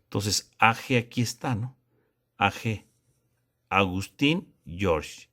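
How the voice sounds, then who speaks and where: A man's voice: fairly low pitch, lively intonation, slow pace, sharp tone. A man teaching a theology lesson, explaining step by step and checking in with tag questions. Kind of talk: classroom lesson.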